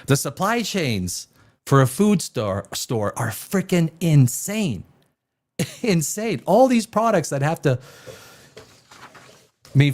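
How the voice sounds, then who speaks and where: A Czech man hosts a livestream alone, talking off the cuff, jumping between tangents, restarting sentences and swearing freely. His voice is a little high and a little mellow, rising and falling a lot.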